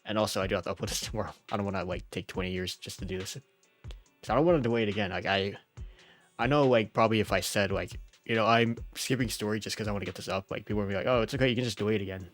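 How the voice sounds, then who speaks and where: While sick, a game streamer with a fairly low voice plays through a racing game casually, reading story text aloud. He's informal and jokey, chuckling often, with faint music in the background.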